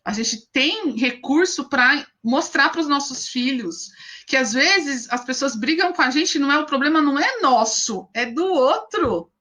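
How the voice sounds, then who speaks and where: Brazilian woman psychologist, higher voice, bright tone, live advice chat. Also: expressive, a little slow. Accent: Brazilian Portuguese. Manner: conversational, keeps addressing the audience with tag questions. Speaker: mother. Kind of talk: live-stream advice talk.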